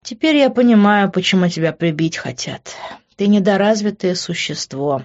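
A woman's voice: mid-range voice, expressive, normal speed, a little mellow, lo-fi sound, pitched above the performer's own voice, natural voice. A woman voicing a blunt, sarcastic young woman who bosses and mocks her friend. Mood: mocking. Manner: mocking, bossy.

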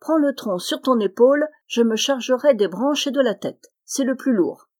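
A woman voicing a boastful, clever little male tailor in a storybook reading, with cocky, lively exclamations. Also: fairly high pitch, moderate pace, voice pushed up. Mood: sly.

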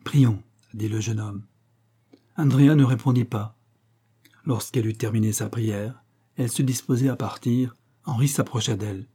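Measured male reader, dark husky voice, classic novel. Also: medium pitch, fairly even intonation. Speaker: audiobook reader.

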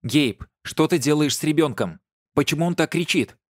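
A man's voice: a little high, lively intonation, moderate pace, no echo, pitched above the performer's own voice. A man voicing a weary, sardonic werewolf woman who hands out dry, practical advice, in an audiobook. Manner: mocking, matter-of-fact advice.

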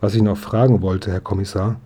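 An eager, polite country schoolboy who turned detective, voiced by a man reading aloud. He chatters with raised pitch and bright enthusiasm, though the voice keeps a husky edge. He sounds like a character from a storybook audiobook. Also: level tone, fairly quick.

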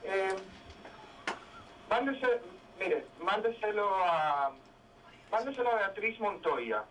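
A man's voice: high-pitched, big pitch swings, slow pace, fairly bright tone. A man answering a phone call and talking casually. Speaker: person receiving a prank call. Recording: distant, noisy phone line.

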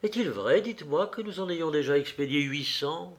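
A man voicing an older society princess who speaks in a knowing, animated way in a read novel. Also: on the high side, moderate pace. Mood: gossipy.

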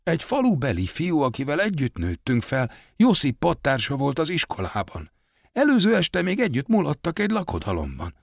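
A grieving older village woman, voiced by a man in a raised register, mournful and measured as she recalls the past. The sound is close and dry, with no room around it. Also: a little high, wildly swooping pitch, gravelly, no room sound, pitched above the performer's own voice, full character voice.

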